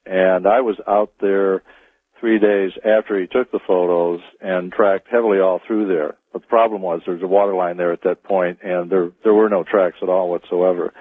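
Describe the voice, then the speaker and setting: A man answering as a radio interview guest, speaking in a halting, deliberate way and circling back on his words. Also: low voice, no echo. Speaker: interview guest, Bigfoot tracker. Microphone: telephone. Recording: dry, narrow phone-line sound.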